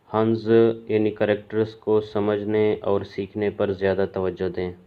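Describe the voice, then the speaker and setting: A man teaching a language lesson in a calm, measured way, clearly spelling out each sound. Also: fairly low pitch, dull audio. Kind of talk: slow explanatory lesson.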